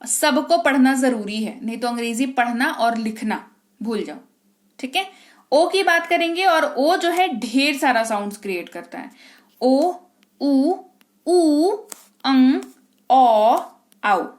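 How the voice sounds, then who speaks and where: A woman with a high, light voice leads an English reading class. She draws out sample words syllable by syllable, then asks her students again and again whether they've got it. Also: lively intonation. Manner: drills words aloud, slow and stretched, with many check-ins to the class. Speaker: English teacher. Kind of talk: spoken classroom lesson.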